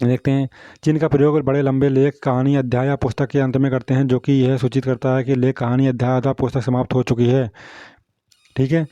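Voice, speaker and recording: A man's voice: medium pitch, level tone, fairly quick, mellow, no room sound, muffled recording. A man teaching a Hindi grammar lesson, explaining punctuation marks and often asking whether students understood. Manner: repetitive, asks "samjhe?" often.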